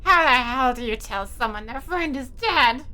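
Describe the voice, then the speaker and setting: A woman voicing a gruff, exasperated teenage boy in horror game dialogue she reads aloud. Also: high-pitched, lively intonation, normal speed, pushed and bright.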